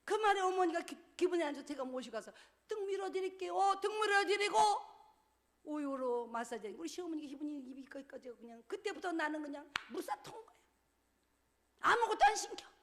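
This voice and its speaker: Middle-aged church lady preaching, high voice, acts out little scenes and laughs a lot. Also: fast talker. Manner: animated, acts out dialogue with laughter. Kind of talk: lively storytelling sermon. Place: church sanctuary.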